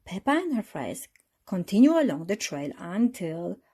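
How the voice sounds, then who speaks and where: A woman reads a children's storybook aloud, narrating expressively. Her voice is husky and mid-range, and she reads at normal speed.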